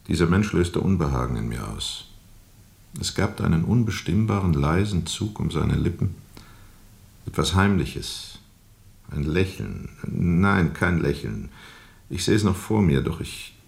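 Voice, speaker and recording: In a radio drama monologue, a male actor with a rough bass voice and vocal fry plays a world-weary riverboat captain haunted by dark memories. He tells the story slowly and deliberately, brooding, pausing and repeating words for emphasis.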